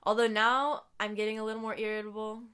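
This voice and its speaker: A young woman co-hosting a podcast, chatting casually and telling work stories, acting out what people said and trailing off softly at times. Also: medium pitch, level tone, quick pace. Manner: storytelling, acts out quotes, trails off softly. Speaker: podcast co-host. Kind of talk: casual chat.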